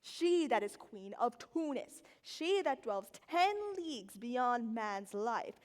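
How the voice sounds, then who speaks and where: A woman's voice: on the high side, expressive, takes it slowly. A woman playing a scheming, ambitious courtier in Shakespearean stage style, with theatrical, declamatory, hammy delivery. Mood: grand, fervent. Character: scheming, ambitious courtier urging a drowsy lord to seize a crown. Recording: echoey stage hall with long reverb.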